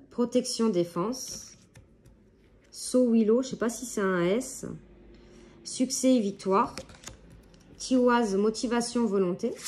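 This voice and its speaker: Une femme qui présente un jeu d'oracle en bavardant et énumère les mots-clés des cartes avec de petites hésitations. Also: female voice, a little high, darkish tone. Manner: chatty, lists keywords with quick hesitations. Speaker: oracle deck reviewer. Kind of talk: casual unboxing and card reading.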